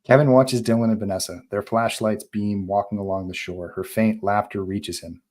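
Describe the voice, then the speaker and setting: A low-voiced man reads the stage directions at a script table read, narrating each scene in clipped, terse phrases. His intonation stays fairly even, his pace is moderate, and his tone leans dark.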